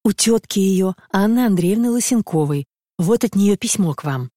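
Woman reading a courteous young gentleman suitor. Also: mid-range voice, lively intonation, normal speed, no room sound, clean studio sound, close to an everyday voice. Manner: formal, courteous. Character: polite young gentleman suitor, growing impatient.

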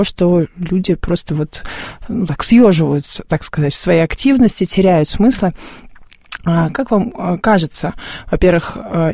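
A male interviewer asking long, measured questions. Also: fairly high pitch, warm tone, dry recording, clean studio sound.

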